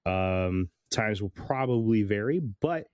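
A man with a fairly low voice hosts a podcast in a laid-back, informal way. The sound is dry and close, with very little room on it. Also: expressive, takes it slowly, darkish tone, no echo. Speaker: podcast host. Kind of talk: casual podcast banter with scripted intro narration.

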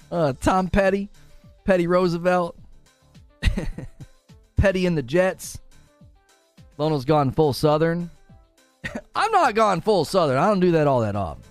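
A man's voice: sits high, no room sound. A man from Northern Ohio on a live stream, bantering playfully with chat and laughing often. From Northern Ohio, USA. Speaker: gaming streamer.

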